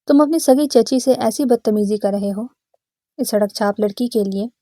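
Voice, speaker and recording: A woman's voice: fairly high pitch, warm tone, dry recording, studio quality, lightly acted. A woman voicing a jealous, scheming middle-aged aunt who speaks spitefully.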